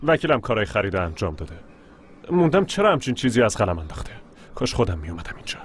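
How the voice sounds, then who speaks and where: A man's voice: on the low side, sing-song. A man dubbing a film role as an indignant, argumentative man who insists the house is his. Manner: protesting, insistent. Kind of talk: dubbed film dialogue. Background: music.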